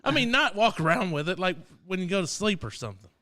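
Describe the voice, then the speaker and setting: A man co-hosts a live radio podcast, trading casual banter, joking, cursing freely, and laughing a lot. His voice is high-pitched and sharp, very animated, and he talks fast.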